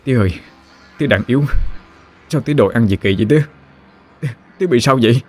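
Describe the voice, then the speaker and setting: A man's voice: mid-range voice, lively intonation, fast talker, darkish tone, voice pushed up, close to an everyday voice. A man voicing a panicked young son. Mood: pleading. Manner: panicked, pleading, strained. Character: frightened young man, a son pleading with his father.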